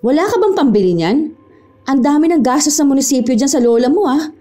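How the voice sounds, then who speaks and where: A woman playing a rude, haughty young town-hall clerk who talks down to people in a sharp, scornful way. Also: sits high, lively intonation, brisk, faint music behind. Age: young adult.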